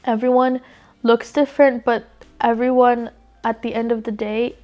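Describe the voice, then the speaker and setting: A chatty teenage girl hosts a casual podcast, her voice sitting a little high. She talks loosely and fills her sentences with "like" and "um". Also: flat delivery, normal speed, darkish tone. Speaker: podcast host. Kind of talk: casual chat.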